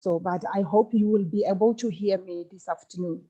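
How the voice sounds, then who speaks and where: A woman giving a formal presentation over a video call, her voice slightly hoarse, polite and measured. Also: medium pitch, mellow, muffled recording. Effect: speaking over a video call. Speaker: guest speaker.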